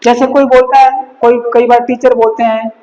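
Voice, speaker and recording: A male chemistry teacher who gives a classroom lesson, slowly repeating each term and mixing in words. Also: very high-pitched, level tone, mellow, dull audio. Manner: slow and repetitive, drills each word several times; mixes Hindi with English terms. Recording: long reverb, echoey hall.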